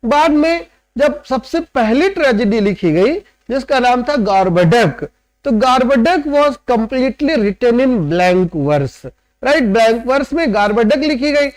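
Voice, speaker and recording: A man lecturing on literature who explains step by step, drops in English terms and often checks that students follow. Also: very high voice. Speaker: literature teacher. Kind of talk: classroom lecture.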